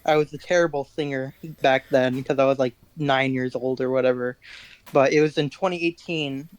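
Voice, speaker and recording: A man's voice: mid-range voice, steady tone, normal speed, clear, resonant tone, dry recording. Chatty teenage guy, self-mocking. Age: teens. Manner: rambling, self-deprecating, laughs at his own stories. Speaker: guest musician. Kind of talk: casual interview chat.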